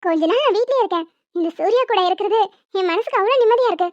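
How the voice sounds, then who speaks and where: A woman's voice: very high-pitched, animated, rapid-fire, dry recording. A woman voicing a teasing young woman in a cartoon who scolds her brother and dotes on the baby. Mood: earnest. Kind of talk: cartoon voice acting. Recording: dull dry lo-fi recording.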